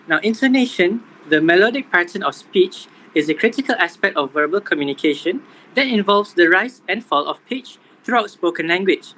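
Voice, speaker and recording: A young man reading out a scripted class presentation in a steady manner. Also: high voice, moderate pace, rough recording. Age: young adult. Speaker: student presenter.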